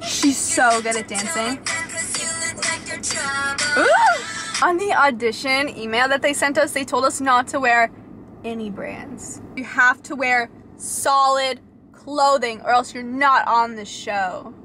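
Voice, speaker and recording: A young woman reacting to a talent show from inside a parked car, chatting casually in a bubbly, excitable way. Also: sits high, takes it slowly, faint music behind. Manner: bubbly, excitable, with sudden squeals and laughs. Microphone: camera mounted facing her.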